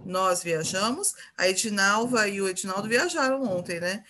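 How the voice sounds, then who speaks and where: A woman's voice: medium pitch, animated, moderate pace, sharp tone, a little hiss or hum. A Brazilian woman teaching an English grammar lesson, patiently repeating example phrases and checking in with her students.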